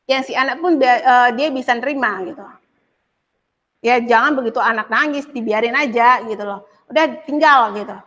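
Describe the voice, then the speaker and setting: A woman's voice: a little high, fairly bright tone. A woman giving a live online psychology lecture in a conversational way, often adding a tag for emphasis and acting out what parents and children say. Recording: long reverberant echo.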